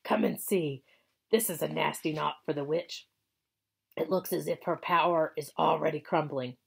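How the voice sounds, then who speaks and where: A woman reading aloud, voicing an excited, friendly male talking beaver who shouts with delight. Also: deep voice, a little slow, gravelly, slightly rough, heavily acted.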